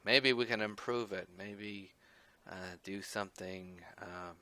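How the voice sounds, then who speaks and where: A man voicing an officious Indigo officer who debriefs a player, talking in halting starts and restarts. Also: on the low side, steady tone, bright, forceful tone. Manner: halting, full of restarts and fillers.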